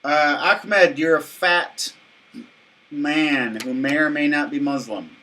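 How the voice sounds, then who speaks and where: A bright-voiced man hosts a live show, reading donor messages with a lot of hesitation and laughter. He sits a bit back from the microphone, and a faint hum of room noise sits behind him. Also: a little high, steady tone, takes it slowly, distant mic. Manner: hesitant, stumbling, laughing often. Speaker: host reading donor toasts. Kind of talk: casual live-stream chat.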